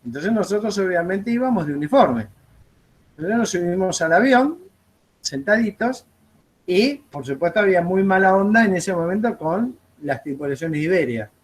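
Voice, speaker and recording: A man's voice: sits high, animated, normal speed. A man with an Argentine accent, teaching an aviation course in a classroom, chatting through anecdotes with frequent fillers.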